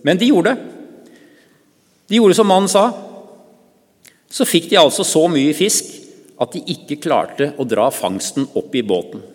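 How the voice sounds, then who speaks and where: A man preaching a sermon, retelling a Bible story in a calm, measured way with pauses. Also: a little high. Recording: church with long reverb.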